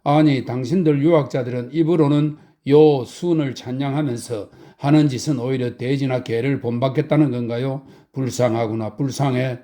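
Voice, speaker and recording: A man reading a blunt, stern old male sage in a calm audiobook. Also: mid-range voice, normal speed, hardly any pauses, natural voice. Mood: scolding. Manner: blunt, scolding.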